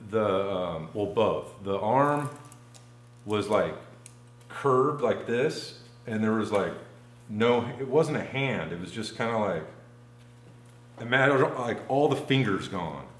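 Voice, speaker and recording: A man with a fairly low voice tells a long story in a loose, casual way. He rambles and fills his sentences with "like." He is heard in an echoey room. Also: lively intonation, slow pace. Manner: rambling, full of "like" fillers. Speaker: podcast guest.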